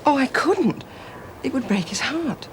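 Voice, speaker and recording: A woman's voice: sits high, lively intonation, a little slow, slight background noise. An actress playing a resigned, self-sacrificing woman prisoner, hesitant and restrained, in a television drama. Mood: resigned, pained.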